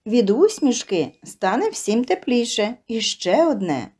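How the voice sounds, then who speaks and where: Lady reading a warm gentle flower seller lady, soothing and calm. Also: fairly high pitch, measured pace, breathy edge, exaggerated voice. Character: kind middle-aged woman flower seller, gentle.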